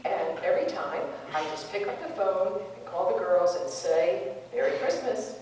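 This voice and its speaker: A woman's voice: fairly low pitch, normal speed, darkish tone, lightly acted. A woman playing an elderly wife married sixty years, telling her story fondly and with a wry touch. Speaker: stage actor in a monologue. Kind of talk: theatrical monologue. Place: stage in a hall. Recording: echoey hall, far from mic, faint noise.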